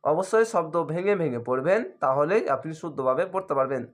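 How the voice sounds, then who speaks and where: A man teaching Quran reading, drawing out each word slowly in a chant, then explaining the rules in quick plain speech. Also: a little high, expressive. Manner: drawn-out chanting of words between quick explanations. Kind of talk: slow spelled-out recitation lesson.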